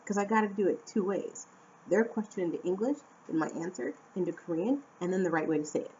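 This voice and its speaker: A young American woman from Arizona chatting casually to camera at home, animated and talkative. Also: on the low side, quick pace. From Phoenix, Arizona, USA. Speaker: vlogger and English teacher. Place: at home indoors. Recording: dull lo-fi camera audio with faint room noise.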